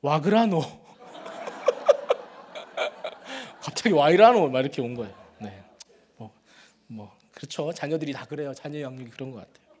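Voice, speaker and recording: A middle-aged male pastor giving a sermon in a church, telling stories about his own family in a conversational, self-deprecating way, rising to loud emphatic peaks and dropping to soft, confiding murmurs. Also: mid-range voice, unhurried, long pauses. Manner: swings between loud emphatic build-ups and soft, quiet confiding. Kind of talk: sermon with personal storytelling. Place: church sanctuary.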